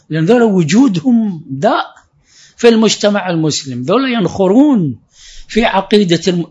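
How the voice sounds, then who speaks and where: Husky man preaching. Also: on the high side. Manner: explains verses point by point, rising for emphasis. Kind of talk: religious lecture. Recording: dull lo-fi recording.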